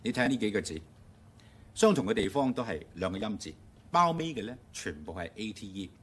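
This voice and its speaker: A man with a Hong Kong Cantonese accent teaching English pronunciation on radio, explaining step by step and slowly modeling English words. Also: fairly low pitch, sing-song, fairly bright tone, breathy edge. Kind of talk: radio language lesson. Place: radio studio.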